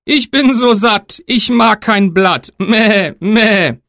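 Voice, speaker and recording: A man voicing a hungry, complaining nanny goat in a storybook reading, with a bleating, drawn-out sing-song. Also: high-pitched, creaky, a bit bright, no echo, studio quality, voice pushed up, exaggerated voice. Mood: smug.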